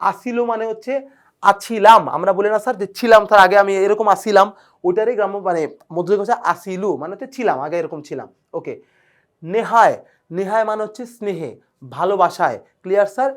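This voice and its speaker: A male teacher, giving a recorded exam-prep lecture. He talks eagerly about where words come from and keeps checking whether the students follow. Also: sits high. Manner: fast, checks in constantly with "clear, sir?"; enthusiastic about word origins.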